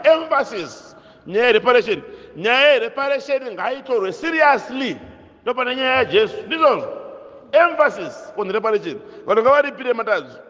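A man's voice: high-pitched, a bit bright. A man teaching a catechism lesson, questioning his listeners and repeating key phrases. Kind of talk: catechism lesson mixing Shona and English. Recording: dull sound with long hall echo.

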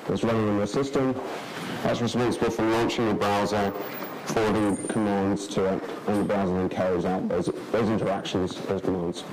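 A man in his thirties gives a technical conference talk in a large lecture hall, sounding relaxed but full of fillers and restarts. His pitch is fairly low, and there is background noise.

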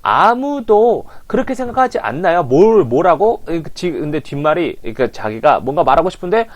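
Lively male English coach on a lapel mic. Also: fairly high pitch, moderate pace. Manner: animated, keeps prompting listeners to repeat. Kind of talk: language lesson.

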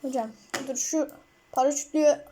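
A woman giving casual gameplay commentary, excitable and rambling, with frequent outbursts. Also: sits high, moderate pace, a little hiss or hum. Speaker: mobile gamer.

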